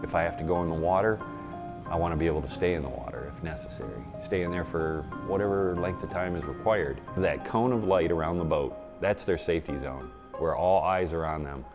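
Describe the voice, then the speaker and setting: A man's voice: low voice, brisk, over music. A man on a safety crew speaking in a documentary interview.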